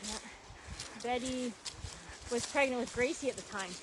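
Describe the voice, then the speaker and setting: A woman chatting casually as she guides a walking tour outdoors, telling stories in an animated way and acting out reactions. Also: a little high, normal speed, a crowd in the background. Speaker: sanctuary founder and tour guide. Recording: noisy outdoor recording, clicks and footsteps.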